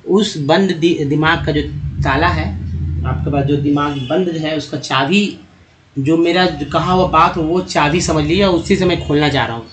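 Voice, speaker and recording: A man explains how to read English words, talking to his viewers as friends. His voice sits a little high for a man. He stretches out vowel sounds and often asks a question, then answers it himself. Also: moderate pace. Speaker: English teacher. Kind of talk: spoken lesson on reading English.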